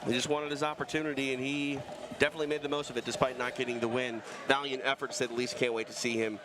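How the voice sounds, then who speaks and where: A man's voice: mid-range voice, little pitch movement, fast, background noise. A man calling a live grappling event as play-by-play commentator, upbeat and tossing to the mat announcer.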